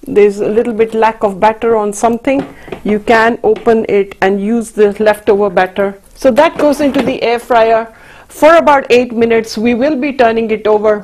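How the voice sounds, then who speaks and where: A woman's voice: on the high side, a little mellow. A middle-aged woman hosts a cooking demonstration, instructing step by step and mixing in Hindi and Punjabi phrases. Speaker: TV cooking show host. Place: indoor TV studio kitchen.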